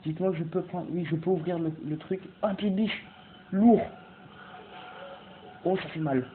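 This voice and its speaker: A man giving excitable, swear-filled let's-play commentary, yelling and making mock threats at the game. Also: on the high side, fast. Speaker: gamer. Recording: tinny lo-fi mic with faint hiss.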